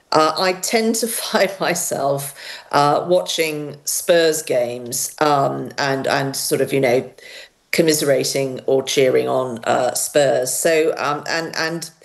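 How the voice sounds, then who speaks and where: A woman speaking as a guest on a discussion panel, measured and full of restarts. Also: deep voice. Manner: measured, with many restarts and fillers.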